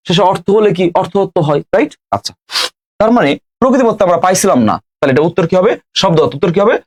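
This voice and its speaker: A young man teaching a live online grammar class, repeating each question and answer as he quizzes students. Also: high-pitched.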